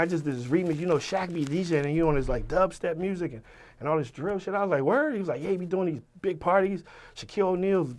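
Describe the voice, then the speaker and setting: Man, 40s, raised pitch, animated storytelling, cursing, loud and soft swings. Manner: profane, swings from loud to low. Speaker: rapper guest.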